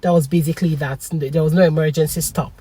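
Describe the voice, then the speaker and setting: Woman, excitable storyteller, laughs a lot, dry close sound. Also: low voice, fast, breathy edge, no room sound. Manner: animated, excitable, laughs often. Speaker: vlogger. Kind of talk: casual storytelling vlog.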